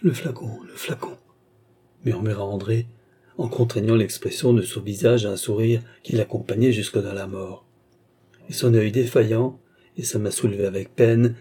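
A male audiobook narrator reading a classic novel. His voice is mellow with a husky grain, and his delivery is measured and dramatic. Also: medium pitch. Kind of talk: scripted narration.

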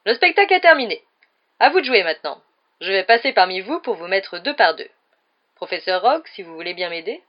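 A reader voicing a flamboyant, boastful male wizard teacher with a loud, theatrical delivery, on a dull lo-fi recording. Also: high voice, big pitch swings, fairly quick. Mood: commanding. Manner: showy, loud, theatrical announcing. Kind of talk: audiobook character voice.

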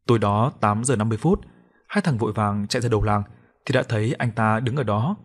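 A man narrating a first-person story for an audio story site in a lively telling manner. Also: lowish voice, a little fast.

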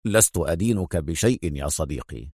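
A man voicing a calm, quietly confident male hero in a spoken story, speaking low and controlled. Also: moderate pace, no echo, clean studio sound.

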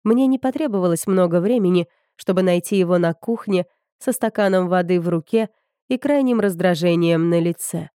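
Woman, audiobook narrator, scripted narration, low pitch, mellow tone, dry close sound. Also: normal speed, dry recording.

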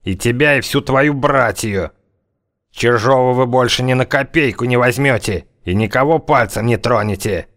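A man voicing a tough, slang-talking gunman who threatens and mocks in a slow drawl. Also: mid-range voice, fairly bright tone, voice pushed up, close to an everyday voice. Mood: menacing mockery. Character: tough slangy male gunman, menacing, scornful.

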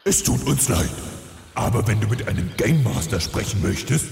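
A man playing an undead dark king in a parody audio drama, stiffly polite and deadpan with a gravelly voice. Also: lowish voice, normal speed. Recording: echoey hall reverb, faint noise.

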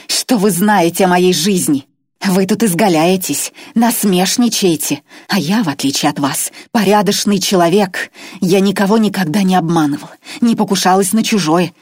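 A woman voicing a furious, self-righteous middle-aged woman writer who screeches scornful accusations in a raised, husky voice. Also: on the low side, normal speed, darkish tone, dry recording, studio quality, voice pushed up. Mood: shrieking.

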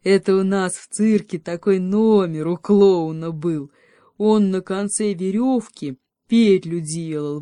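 A boastful circus bear booms out his words slowly and proudly, as a woman reader voices him. The voice sits low and mellow, close and dry like a storybook recording. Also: no echo. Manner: booming, boastful, drawn-out. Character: boastful male circus bear, loud and jolly.

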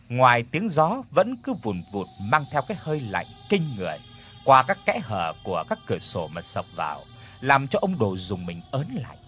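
A man narrates a horror story for an audiobook, telling it dramatically with tense pauses. His pitch moves in lively swings, and faint background music runs under his voice.

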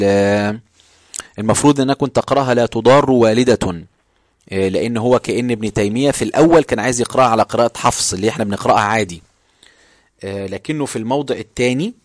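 Fast-talking Egyptian sheikh teaching. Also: male voice, medium pitch, no room sound, studio quality. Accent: Egyptian Arabic. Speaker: sheikh teaching a classical text. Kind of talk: explaining a religious text to students.

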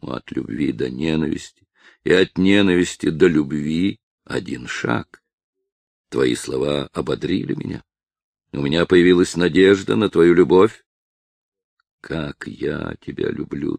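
A man's voice: a bass voice, expressive, unhurried, creaky, a little mellow, no room sound, heavily acted. A man voicing an obsessive, possessive villain who threatens a young woman, in a menacing, insistent manner.

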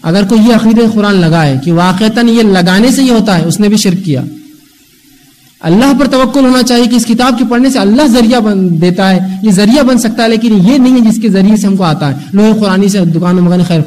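A man giving an Islamic religious lecture, talking animatedly and acting out the voices of people he describes. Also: high-pitched. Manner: animated, acts out scolding voices.

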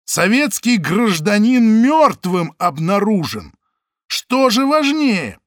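A blunt, commanding detective, played by a male audiobook narrator. He barks short, clipped orders in a raised, animated voice. The sound is dry and close. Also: sits high, slow pace, no room sound, voice pushed up, heavily acted.

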